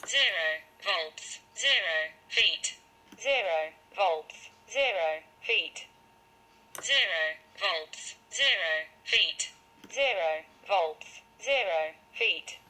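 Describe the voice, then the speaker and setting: A machine-made woman's voice announces telemetry values in a flat, steady way. It plays through a small speaker, so it sounds tinny and metallic, with a bright, sharp edge. The pitch sits a little low, and each word comes out very slowly. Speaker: radio controller's synthetic voice alert.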